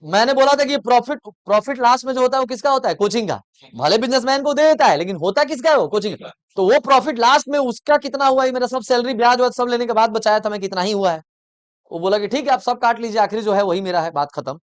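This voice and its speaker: A man's voice: very high voice, fast, no room sound. A man teaching a commerce class, explaining through story examples and constantly quizzing his students. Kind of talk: classroom lecture.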